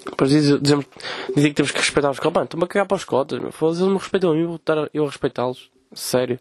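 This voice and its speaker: Fast-talking young Portuguese man ranting. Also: a little high, dry recording. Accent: European Portuguese. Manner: swears often, mimics people in quoted voices. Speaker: podcast host. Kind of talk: casual comedic rant.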